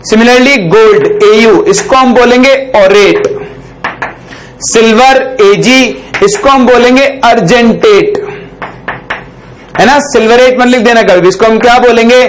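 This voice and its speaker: A man teaching a chemistry lesson in a very high voice. He keeps asking his students a question and answering it himself. He dictates some phrases slowly, word by word, for them to copy down. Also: a little hiss or hum, poor audio. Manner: dictates slowly while writing on a board; ends phrases with a checking "ठीक".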